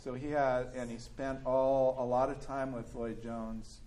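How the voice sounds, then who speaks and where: A California Bible teacher leads a church class, reading from a biography and pausing to comment, in a mellow, mid-range voice that's flat and a bit slow. When he acts out quoted lines his voice leaps upward, and his speech is full of restarts and fillers. A faint hiss runs under the recording.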